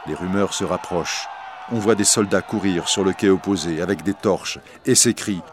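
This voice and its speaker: A man's voice: low-pitched, normal speed, noisy background. A man narrating a classic story aloud in a dramatic reading style.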